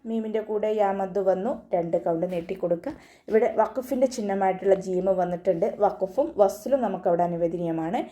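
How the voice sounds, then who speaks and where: A woman teaching an online Quran recitation class, patiently explaining each sound step by step and chanting sample verses slowly in between. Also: mid-range voice, warm tone, highs cut off. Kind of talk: online tajweed lesson.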